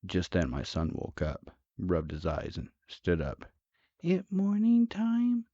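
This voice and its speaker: Brief: very low, gravelly male narrator for horror tales, dry and slightly lo-fi. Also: a little mellow, no echo. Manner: measured, dramatic. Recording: dull, dry, lo-fi.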